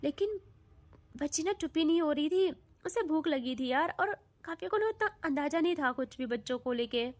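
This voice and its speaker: Very high-voiced woman storyteller. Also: expressive, normal speed. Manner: chatty, addresses listener with asides. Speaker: narrator. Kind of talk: casual audio love story narration.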